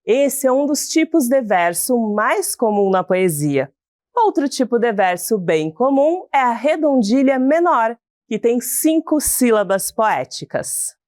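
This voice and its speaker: A woman teacher with a Brazilian accent, slowly and warmly leading a recorded lesson for children, reading a poem aloud and explaining verses and syllables in a sing-song, encouraging way. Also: fairly high pitch, sing-song, dry recording, clean studio sound. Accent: Brazilian Portuguese. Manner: slow, sing-song and encouraging, calls the pupils "bonitos".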